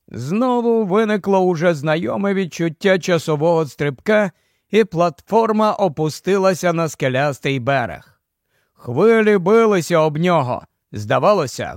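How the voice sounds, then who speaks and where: A man narrating an audiobook in a steady storytelling manner. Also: high-pitched, no room sound, studio quality. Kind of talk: scripted narration.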